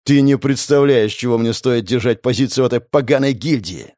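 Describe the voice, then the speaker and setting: A man's voice: mid-range voice, brisk, darkish tone, no echo, clean studio sound, close to an everyday voice. A man reading the part of a desperate male guild general who begs in a shaking voice for his daughters' sake. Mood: pleading. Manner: trembling, pleading.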